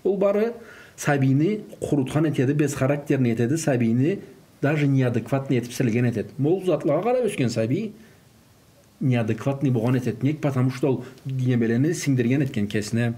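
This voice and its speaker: Animated and quick, this medium-pitched man with a dark tone is a native speaker of Karachay-Balkar. In an informal religious exchange about child-rearing, he sprinkles Russian words and phrases throughout his speech.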